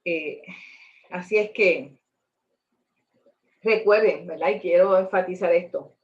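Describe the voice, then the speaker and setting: A woman's voice: lowish voice, slow pace, lo-fi sound. Earnest woman teaching a Bible class. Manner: earnest, emphatic, with rhetorical questions.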